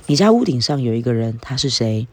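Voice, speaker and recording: A man's voice: mid-range voice, sing-song, a little fast, a little mellow. A man reading as a shrewd gossipy village mother. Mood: confiding. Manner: gossipy, confiding.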